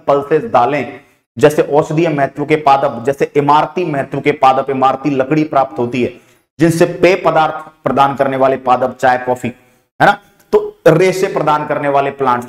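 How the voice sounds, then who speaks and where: A male exam coaching teacher with a Rajasthani Hindi accent, briskly running through syllabus topics with frequent "theek hai" fillers and calling students "beta". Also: a little high. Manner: addresses students familiarly as "beta". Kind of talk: online exam coaching lecture. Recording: echoey room.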